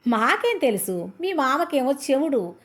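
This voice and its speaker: A woman's voice: high-pitched, big pitch swings, a little slow, a little hiss or hum. A woman voicing a rude male customer who mocks a family's flaws. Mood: mocking. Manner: mocking, laughing.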